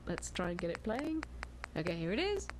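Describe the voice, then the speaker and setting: A woman hosting a comic role-play podcast in a dry, deadpan, self-mocking way, with hesitant fillers. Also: on the low side, brisk, background noise. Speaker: podcast host.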